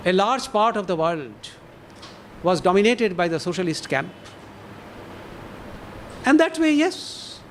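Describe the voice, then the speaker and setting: Slow, animated Indian-accented male lecturer. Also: sits high, a little hiss or hum. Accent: Indian English. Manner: deliberate, poses rhetorical questions, measured pauses. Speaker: professor giving a lecture. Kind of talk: academic lecture. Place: lecture gathering with an audience.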